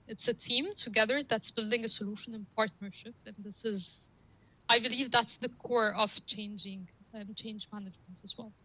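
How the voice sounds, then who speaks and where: A woman's voice: a little high, pushed and bright, low-quality recording. A woman whose first language is Arabic, a guest on a podcast, explaining her ideas with examples and repeated phrases. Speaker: guest data scientist. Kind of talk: podcast interview.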